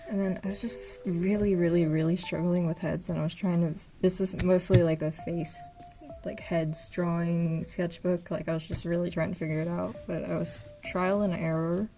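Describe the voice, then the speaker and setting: With game music in the background, a young art vlogger casually shows off her old sketchbooks. She talks at normal speed in a lowish voice with fairly even intonation. Her delivery is soft, hesitant and filler-heavy, and her voice is getting tired.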